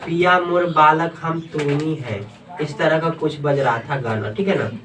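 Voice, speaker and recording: A man's voice: fairly high pitch, unhurried, a bit bright. A male teacher, reading a story aloud in a classroom and quizzing his students as he goes. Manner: reads aloud then quizzes students with questions. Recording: distant classroom recording.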